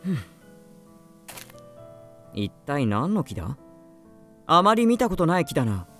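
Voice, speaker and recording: A woman voicing a gruff young male demon. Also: low-pitched, sing-song, unhurried, a bit bright, faint music behind, exaggerated voice. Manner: blunt, rough-spoken. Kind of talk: voice drama acting.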